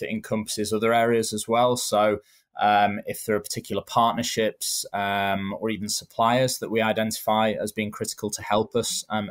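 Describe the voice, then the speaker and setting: A man in his thirties with a Manchester accent, answering interview questions in a measured, explanatory way with frequent ums. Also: lowish voice. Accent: Manchester English. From England. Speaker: guest.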